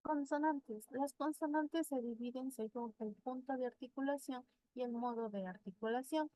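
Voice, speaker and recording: A woman's voice: high voice, moderate pace, dark tone, dry recording, low-quality recording. Woman methodically listing examples. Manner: methodical, lists examples one by one. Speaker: student presenter. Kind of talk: class presentation.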